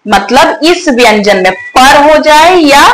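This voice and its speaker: A woman teaching a Hindi grammar lesson, repeating example words slowly to show where the stress falls and asking the students questions. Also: high voice, animated, a crowd in the background. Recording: echoey room with faint ambient noise.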